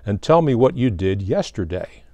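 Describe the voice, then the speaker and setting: A man who directs a school's curriculum, reading a silly children's storybook aloud in a playful, expressive way. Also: fairly low pitch, normal speed, dry recording.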